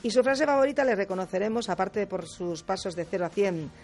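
A woman speaking as a guest on a radio talk show, explaining in a lively way, acting out quotes and often adding quick tag questions. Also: medium pitch. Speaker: guest speaker on difficult personalities.

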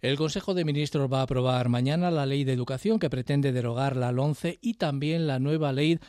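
A man reading the news as anchor in a steady, formal way. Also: mid-range voice, fairly quick, no room sound, clean studio sound. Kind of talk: read news bulletin. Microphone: studio mic.

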